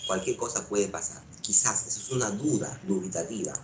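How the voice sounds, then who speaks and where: A man's voice: fairly low pitch, a little fast, a little hiss or hum. A man teaching a language class, repeating each point and asking rhetorical questions. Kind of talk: lively classroom lecture. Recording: echoey room.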